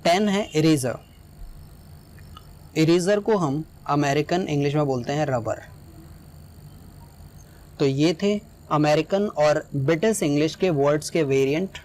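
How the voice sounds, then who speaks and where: Guy teaching a class, kinda high voice, keeps asking "right?" to check you follow. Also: a little slow, long pauses, a little mellow. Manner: explanatory, often checks in with "right?". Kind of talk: explaining a lesson.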